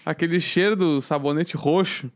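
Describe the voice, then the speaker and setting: A man, co-hosting a podcast and telling a rambling, animated story in casual chat. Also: fairly high pitch, moderate pace, no echo. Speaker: podcast co-host.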